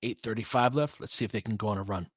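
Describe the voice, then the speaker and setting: A man with a fairly low, breathy voice talks fast, calling a basketball game like a fan. He mixes play-by-play with opinionated, conversational analysis and coaches the players aloud, and there's no room sound.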